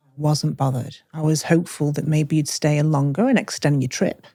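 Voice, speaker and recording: A woman's voice: deep voice, warm tone, no room sound, studio quality. Frank, reflective woman co-host. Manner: frank, reflective, speaks in short measured phrases. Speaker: podcast co-host. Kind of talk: candid personal conversation.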